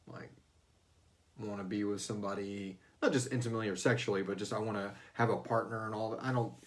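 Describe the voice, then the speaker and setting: This host of a fan Q&A show talks fast in a lowish voice with fairly even intonation. He fields listener questions in loose, informal chat, cracking jokes and swearing freely.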